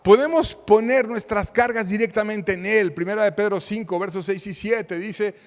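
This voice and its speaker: A man's voice: high-pitched, big-room sound. A man pastor preaching an earnest sermon, repeating phrases and reading scripture aloud. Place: church hall.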